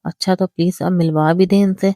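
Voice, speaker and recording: A woman's voice: on the low side, fairly even intonation, dark tone, no echo, clean studio sound, lightly acted. A woman reading the part of a shy, grieving young woman in a storybook novel, speaking hesitantly and politely.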